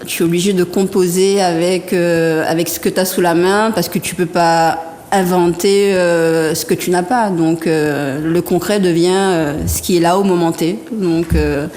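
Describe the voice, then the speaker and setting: A woman in her thirties from Martinique, a guest artisan telling her story in a soft, hesitant, often laughing way. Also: fairly low pitch, steady tone, normal speed. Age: 30s. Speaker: guest artisan and interior decorator. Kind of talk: casual interview talk. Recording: reverberant room with faint background noise.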